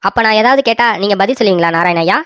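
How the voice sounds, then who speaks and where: A woman's voice: mid-range voice, very fast, fairly bright tone, no echo, clean studio sound, natural voice. A woman voicing a boastful, mocking village man in a cartoon story, talking in a taunting, scornful way. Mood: scheming.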